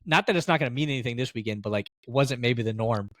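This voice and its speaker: A man's voice: medium pitch, fast, no echo, studio quality. A man co-hosting a sports podcast, talking in a chatty, storytelling way and laughing easily. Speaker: podcast co-host. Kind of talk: casual sports chat.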